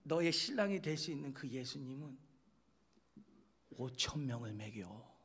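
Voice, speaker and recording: A man's voice: medium pitch, animated, measured pace, a bit bright, breathy edge. A male pastor giving a chatty, joking sermon, speaking straight to his listeners and acting out little quoted scenes.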